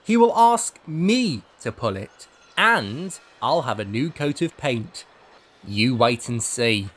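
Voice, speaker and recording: A man's voice: medium pitch, sing-song, slow pace, a bit bright, a little hiss or hum. A man voicing a vain, boastful male red engine in a storybook.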